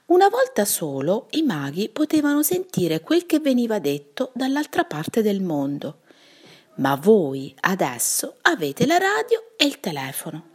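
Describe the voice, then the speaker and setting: A woman's voice: mid-range voice, a little mellow. Woman doing a lonely old wizard. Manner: rambling, wistful, self-pitying. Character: lonely old male wizard, sad and talkative.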